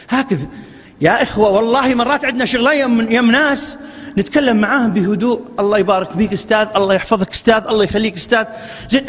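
A man with an Iraqi Arabic accent preaching a sermon, swinging between soft pleading and loud exhortation. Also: very high voice. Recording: lo-fi archive recording with long hall reverb.

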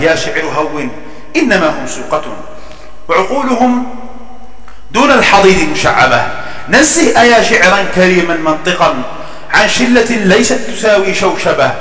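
A man reciting classical poetry in a formal, emphatic and measured declamation. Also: sits high, a bit bright. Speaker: poet reciting his own verse. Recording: echoey, long reverb, distant from mic.

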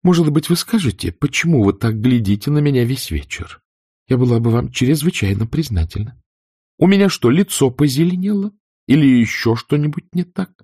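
A man voicing a sharp-tongued, haughty young Southern lady, sarcastic and furious. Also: fairly low pitch, a little fast, no echo, clean studio sound, voice pushed up.

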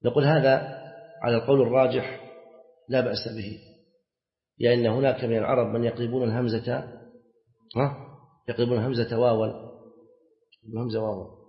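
A man's voice: medium pitch, flat delivery, a little fast, long pauses. Man teaching fiqh in an echoey hall. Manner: repeats key phrases and asks students questions. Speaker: sheikh teaching Islamic jurisprudence. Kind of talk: classroom lesson explaining a fiqh text. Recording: echoey hall, dull lo-fi sound.

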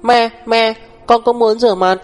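A man's voice: steady tone, normal speed. A man doing a whiny little child. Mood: pouty. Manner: high whining child voice. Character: small young child, whiny and stubborn.

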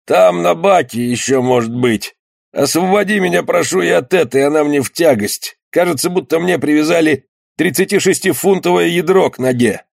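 A dying ship's skipper, voiced by a man, groans in a raised, strained voice with a gravelly edge. He is short of breath, weak and wry, joking grimly about his wounds in a dry, close audiobook reading. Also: a little high, moderate pace, no echo, voice pushed up. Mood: weakly joking.

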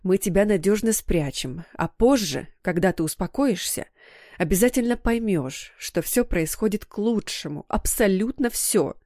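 Woman voicing a gentle, worried mother. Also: medium pitch, animated, normal speed, no echo, clean studio sound, natural voice. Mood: soothing. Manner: soft, soothing. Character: gentle worried mother, soothing her daughter.

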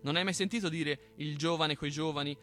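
A man's voice: a little high, steady tone, brisk, a bit bright, lightly acted. A man reading a folk tale, voicing a kindly mountain bird that gives an old man proverbs in his own voice. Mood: advising.

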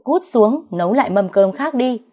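A woman voicing a stern older mistress of the house who scolds a servant with shouted insults. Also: lowish voice, moderate pace, natural voice. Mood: furious scolding.

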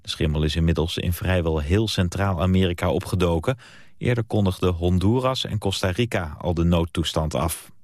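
Deep-voiced male newsreader. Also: dry recording, clean studio sound. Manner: steady formal delivery. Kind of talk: news and weather reading.

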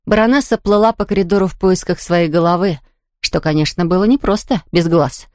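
A woman narrating a children's audiobook in a lively, expressive reading style. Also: lowish voice, brisk, no echo, clean studio sound. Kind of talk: scripted storytelling narration.

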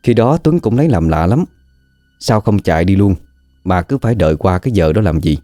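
A man narrating a scripted horror story in a slow, dramatic, suspenseful way. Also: sits low, animated, warm tone, no echo, faint music behind.

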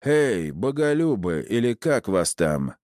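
A man's voice: lowish voice, sing-song, slow pace, a little mellow, dry recording, studio quality, voice pushed up. A man voicing a brash, tattooed male gangster who talks in rude, taunting, swearing bursts in an audiobook. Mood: mocking.

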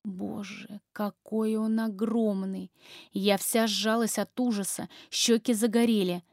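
Casting: woman audiobook reader, mid pitch, expressive first-person narration, dry close recording. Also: slow, gravelly, no room sound.

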